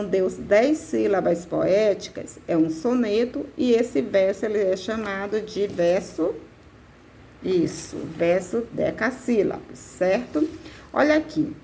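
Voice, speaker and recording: A woman teaching a literature lesson, explaining slowly step by step and often checking that her students follow. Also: a little high, a little mellow. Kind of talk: classroom lesson.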